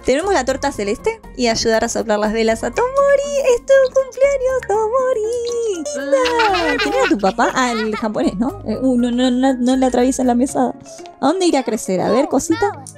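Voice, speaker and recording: High, lively Argentine woman commenting on a game. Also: brisk. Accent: Argentine Rioplatense Spanish. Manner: playful and animated, jumping into silly voices. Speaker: gaming video host. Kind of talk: casual gameplay commentary. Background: game music.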